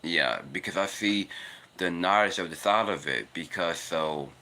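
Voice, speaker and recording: Out walking in the cold, a twenty-something vlogger delivers a casual, earnest spiritual monologue about faith, rambling and repeating "it's because." His naturally deep voice comes out pushed and bright, and he speaks a little slowly.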